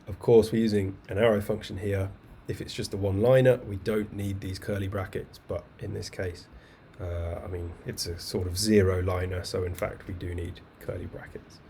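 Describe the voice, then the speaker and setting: Low-voiced man teaching code on a video call. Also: moderate pace, hardly any pauses. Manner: relaxed, chatty explaining with asides and fillers. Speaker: coding bootcamp instructor. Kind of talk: live online coding lecture. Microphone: webcam video call mic. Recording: faint background noise.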